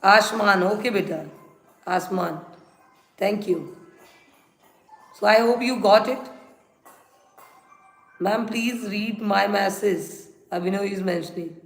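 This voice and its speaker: A woman's voice: medium pitch, takes it slowly, long pauses, faint music behind. A woman with an Indian accent teaching English grammar on a live stream, instructive and repeating examples and rules for her students. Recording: roomy echo, faint noise and clicks.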